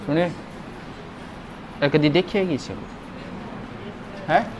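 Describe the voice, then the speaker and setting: A man's voice: on the high side, takes it slowly, background noise. A male teacher, giving a grammar lesson to a class, asking questions and stressing words.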